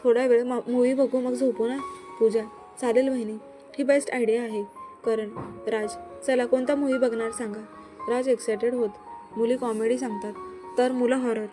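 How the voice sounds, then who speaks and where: A woman's voice: a little high, fairly even intonation, moderate pace. A woman reading a romantic serial story aloud, voicing all the characters herself without much change in her voice. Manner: reads every character herself with little change in voice. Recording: music bed under voice.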